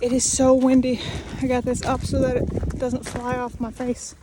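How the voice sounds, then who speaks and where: A woman's voice: high voice, completely flat delivery, moderate pace. A young American woman vlogging casually on a hike, chatting cheerfully to her dog, recorded outdoors on a handheld phone. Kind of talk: casual outdoor vlog narration. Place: outdoors on windy desert hills. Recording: loud wind buffeting phone mic.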